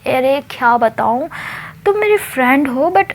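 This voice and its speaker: A woman's voice: high-pitched, lively intonation, unhurried, full character voice. A woman voicing a shy, lovestruck young man who pleads and stumbles over his words. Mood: pleading.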